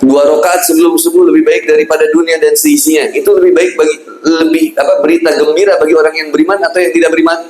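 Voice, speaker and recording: A man's voice: a little high, level tone, fast talker, darkish tone. A man preaching a casual, conversational sermon, asking rhetorical questions and acting out pleading prayers. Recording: echoey room with faint ambience.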